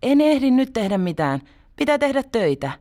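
A woman reading a storybook, voicing a busy working mother who gives calm, patient, practical instructions. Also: sits high, voice pushed up.

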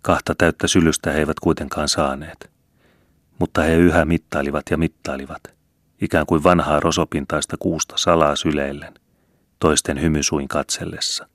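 Very deep-voiced man reading a novel. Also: little pitch movement, a bit bright, no room sound, clean studio sound. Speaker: audiobook reader. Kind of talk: scripted narration.

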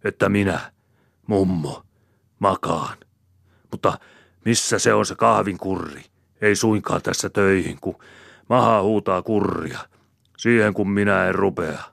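A man reading an audiobook, voicing a grumpy, stubborn old peasant husband in a gruff, blustering way. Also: sits low, pauses often, a bit bright, no echo, clean studio sound, voice pushed up. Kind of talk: audiobook character voice.

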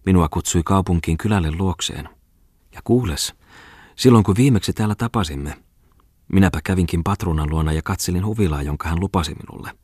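Sly flirty farm wife as a male reader puts her on, raised husky voice, dry close sound. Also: sits low, a little mellow, no echo. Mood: teasing. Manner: teasing, giggly, coaxing. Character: sly flirtatious former farm mistress woman. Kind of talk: audiobook character reading.

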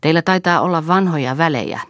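A woman reading aloud voices a caring older farm mistress who speaks gently. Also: deep voice, dry recording, studio quality, pitched above the performer's own voice, close to an everyday voice. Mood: tender.

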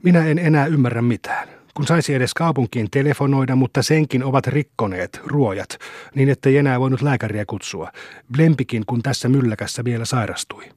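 A bewildered old rural police chief, read by a man, frets aloud. His voice is husky and dry, at a middling pitch. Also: a little mellow, no room sound, close to an everyday voice. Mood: fretful. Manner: fretful, bewildered.

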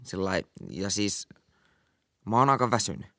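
A man co-hosting a casual chat podcast, playful and jumping high in pitch when he jokes. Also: lively intonation, sharp tone, no room sound, clean studio sound. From Finland. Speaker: podcast co-host.

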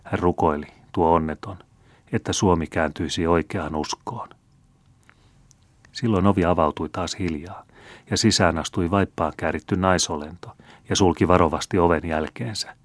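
A man reading a novel aloud as an audiobook narrator, in a measured, even storytelling manner. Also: deep voice, dry recording. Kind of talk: scripted narration.

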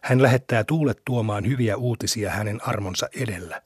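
Husky-voiced man reading scripture. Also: fairly low pitch, dry recording, studio quality. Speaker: scripture reader.

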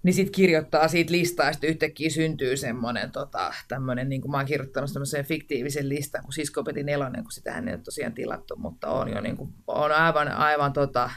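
A woman's voice: rumbling low, hardly any pauses, background noise. Chatty guest, woman in her forties, casual interview talk, many fillers and false starts. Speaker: guest, screenwriter and director.

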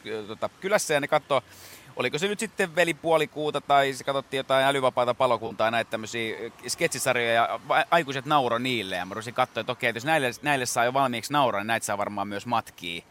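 A man's voice: medium pitch, fairly bright tone. Rambling, filler-heavy impressionist man. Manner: rambling, many fillers and restarts. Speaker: guest impressionist. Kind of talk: casual interview talk.

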